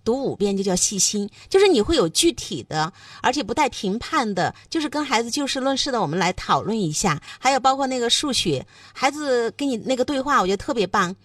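A woman's voice: on the high side, very animated, brisk, few pauses, no echo, distant mic. A woman hosting a parenting talk, asking questions and then summing up her guest's points. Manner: reflective, sums up and praises. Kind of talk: interview, casual conversation.

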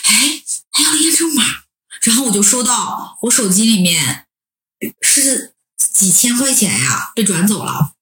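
A woman's voice: on the high side, lively intonation, unhurried, a bit bright, echoey room. A young woman co-hosting a podcast, telling a personal story in a casual, emotional way with many restarts. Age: young adult. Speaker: podcast co-host.

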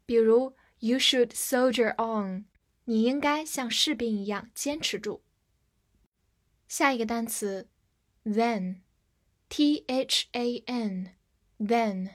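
Woman teacher spelling words slowly. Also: on the high side. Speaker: English vocabulary teacher.

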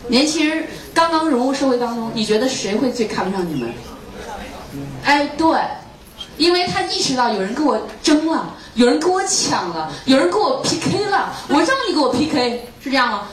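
A woman lecturer giving a motivational talk to students, often firing rhetorical questions at the audience. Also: fairly high pitch. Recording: echoey room, mic far off, faint noise.

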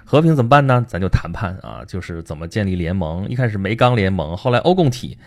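A man's voice: low-pitched, very animated, fast, darkish tone. A man hosting a casual history talk, speaking conversationally and tagging his points with rhetorical questions. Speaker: host.

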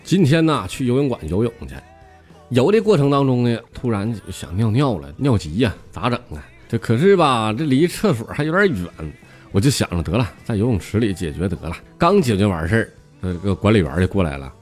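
A male comic host with a Northeastern Chinese accent, telling jokes in a playful, chuckling way. His pitch swings widely from low asides to high bursts, and music plays behind him throughout. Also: very animated, brisk, darkish tone. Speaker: comedy host. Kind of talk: dialect stand-up joke telling.

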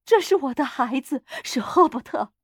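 A woman narrator puts on an old mother gone frantic with grief, her cries pitched far above her reading voice. She pleads and shouts in shrill, desperate bursts. The sound is dry and close, with no room around it. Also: lively intonation, normal speed, dry recording. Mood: frantic, pleading. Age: older.

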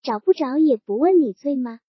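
Woman reading as a calm, insistent male official. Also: high voice, moderate pace, no echo. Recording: dull, dry lo-fi recording.

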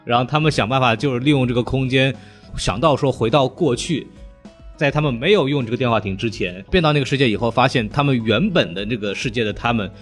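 Guy hosting a podcast, talks really fast, keeps laughing while he retells the story. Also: medium pitch, faint music behind. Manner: rapid, rambling retelling of cartoon plots with frequent laughter. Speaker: podcast host. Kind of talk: casual chat.

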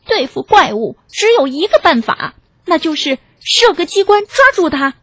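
A woman's voice: very high voice, sing-song, moderate pace, a bit bright, no echo, clean studio sound, pitched above the performer's own voice, exaggerated voice. A woman voicing a clever, self-satisfied male owl in a children's story, speaking in a proud, knowing way.

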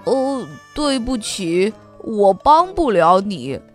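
A woman's voice: mid-range voice, big pitch swings, slow pace, soft background music, voice pushed down. A woman voicing a kind, hesitant male horse doctor in a children's storybook, with lots of ums. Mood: apologetic. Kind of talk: storybook character voice.

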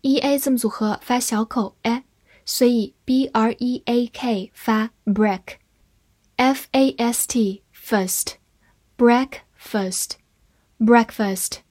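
A woman giving a scripted vocabulary lesson, spelling words out letter by letter and reading example sentences slowly. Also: fairly high pitch, a little mellow, dry recording. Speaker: English teacher.

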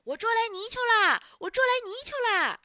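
A woman's voice: mid-range voice, big pitch swings, moderate pace, bright, forceful tone, no echo, clean studio sound. A woman voicing an eager, boastful little village boy in a children's storybook. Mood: proud shouting.

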